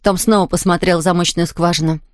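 A woman narrating a children's audiobook in a lively, expressive reading style. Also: on the low side, fast talker, no room sound, studio quality. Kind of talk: scripted storytelling narration.

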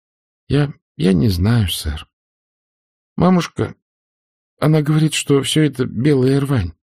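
A man's voice: mid-range voice, animated, takes it slowly, creaky, darkish tone, breathy edge, voice pushed up, heavily acted. A man voicing a shy, unhappy little boy in an audiobook, hesitant and stammering. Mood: timid. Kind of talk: audiobook character voice.

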